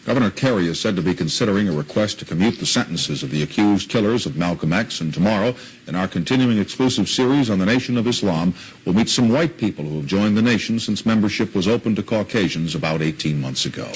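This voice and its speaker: A man as a news anchor reading scripted narration in a measured broadcast delivery. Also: on the low side, expressive, slightly rough, poor audio.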